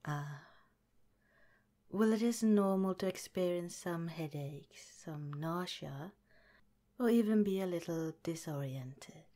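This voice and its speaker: In an ASMR roleplay, a woman plays a calm, caring female scientist director, speaking gently and politely in a soft whisper. Her voice is fairly low in pitch.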